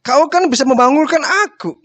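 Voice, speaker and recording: A man's voice: extremely high pitch, brisk, fairly bright tone, voice pushed up. A male preacher voicing a revered male leader who asks urgent, concerned questions in a raised voice.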